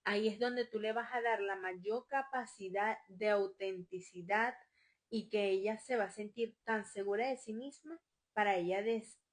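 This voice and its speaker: A woman's voice: medium pitch, steady tone, a little slow. A woman giving a live talk on parenting, speaking emphatically and repeating her questions.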